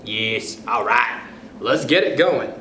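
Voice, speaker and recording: In a roomy space with faint background noise, a man hosts a children's storytime, reading a picture book expressively and speaking straight to young listeners. His mid-range voice is animated and slow, with a pushed, bright tone.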